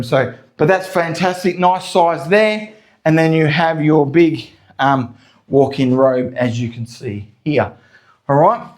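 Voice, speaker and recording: A chatty Australian man with a fairly high voice leads a house tour in upbeat sales patter, calling out to folks and tagging his lines with okay. His voice rings off the bare walls of empty rooms, giving a roomy echo. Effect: echo of big empty rooms. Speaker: real estate agent. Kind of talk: property walkthrough tour.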